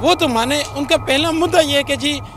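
Guy with a really high voice arguing his political point, emphatic and rhetorical. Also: moderate pace, a bit bright. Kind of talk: political talk.

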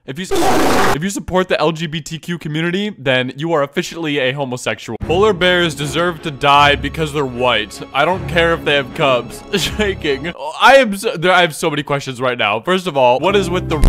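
Young male commentator, slightly high voice, dry sarcasm, music playing under him. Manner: sarcastic, mock-serious, breaks into laughter. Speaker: YouTube commentator. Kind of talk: comedic commentary reading posts aloud.

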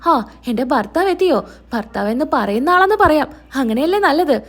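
Lady doing a snappy haughty young wife, high voice that jumps all over the place, sharp scornful comebacks. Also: sing-song, brisk. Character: haughty defiant young wife, quick-tempered.

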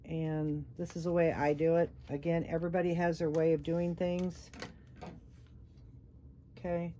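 A woman's voice: low-pitched, level tone, a little slow, dark tone, lo-fi sound, slight background noise. A middle-aged woman giving a casual sewing tutorial, chatty and encouraging as she thinks aloud while she works. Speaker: sewing instructor.

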